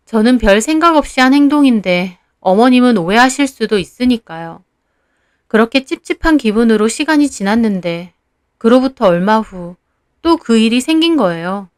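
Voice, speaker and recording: A woman recounts her own story in the first person, sounding aggrieved and indignant. Her voice sits fairly high. The sound is dry and close, with no room around it. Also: clean tone, no room sound.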